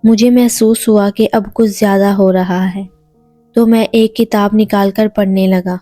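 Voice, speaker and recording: A woman narrating a first-person romantic audio story in an even, unhurried reading voice. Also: medium pitch, no room sound, soft background music.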